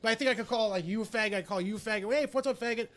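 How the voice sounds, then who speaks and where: A man in his thirties talking casually on a podcast, chatty and quick to laugh at himself. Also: high voice, fairly bright tone. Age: 30s. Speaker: podcast co-host. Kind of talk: casual crude banter.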